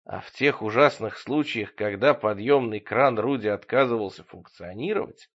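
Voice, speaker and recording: A man narrating an audiobook with ironic, expressive storytelling. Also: on the low side, normal speed. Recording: dull lo-fi audio.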